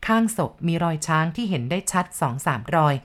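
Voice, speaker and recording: A woman telling a spooky forest story in the first person with a steady, measured storytelling delivery. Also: lowish voice.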